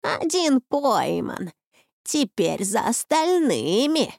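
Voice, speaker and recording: A woman voicing an ancient, wrathful forest witch in an audiobook, with a creaky, icy voice and slow, scornful speech. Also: on the high side, sing-song, darkish tone, no room sound, clean studio sound, pitched above the performer's own voice, exaggerated voice. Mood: menacing. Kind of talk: audiobook reading.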